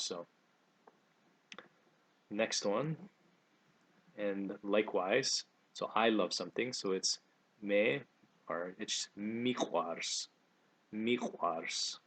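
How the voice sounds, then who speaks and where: A man speaks in a very low voice. He teaches in a relaxed, casual way, slowing down to say each phrase twice. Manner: relaxed, repeats phrases slowly and clearly. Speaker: language teacher. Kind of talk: casual video lesson.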